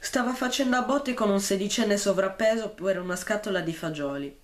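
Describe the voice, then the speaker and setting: A man reading a novel chapter aloud and then discussing it, with frequent "eh" fillers and throat-clearing. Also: sits high, fairly quick. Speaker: book reader and commentator.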